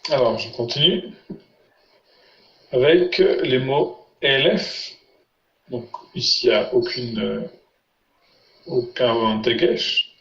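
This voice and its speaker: A man's voice: medium pitch, slow pace, vocal fry, pauses often, a bit bright. A man teaching a language lesson, patiently quizzing his students. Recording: roomy, muffled lo-fi sound.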